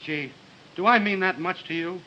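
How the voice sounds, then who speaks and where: A breezy young hero in an early talkie. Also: male voice, sits high, sharp tone. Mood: confident. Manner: brisk, cocky, reassuring early-film delivery. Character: breezy, confident young man, a reassuring hero. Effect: early talkie film soundtrack. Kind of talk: 1930s film acting. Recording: muffled early talkie soundtrack with hiss.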